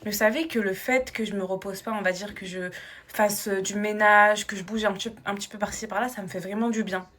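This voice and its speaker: A woman's voice: mid-range voice, fairly even intonation, brisk, a bit bright. A young woman and new mother chatting casually to camera at home, with a slight accent and lots of fillers, calling her viewers girls. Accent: slight foreign accent in French. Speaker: vlogger. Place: at home, indoors. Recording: faint background noise, clicks.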